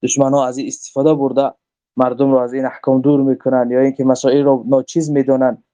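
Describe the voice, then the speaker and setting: A religious teacher with a Tajik accent reads from a book and explains each quoted verse in earnest, emphatic tones. His mid-range voice is dark and level.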